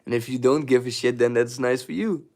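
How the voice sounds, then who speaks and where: A man's voice: mid-range voice, a little fast, darkish tone. Young man, livestream host, casual rambling talk, repeats words, sits at home. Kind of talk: casual livestream chat giving advice. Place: at home, sitting.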